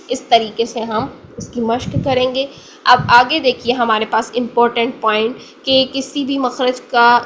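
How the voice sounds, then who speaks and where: A woman's voice: fairly high pitch, a bit bright, a little hiss or hum, rough recording. A woman with a Pakistani Urdu accent teaching a Tajweed lesson, explaining patiently and often checking that the listener follows. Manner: patient, repeats each point, checks in with the listener. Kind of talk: Quran pronunciation lesson.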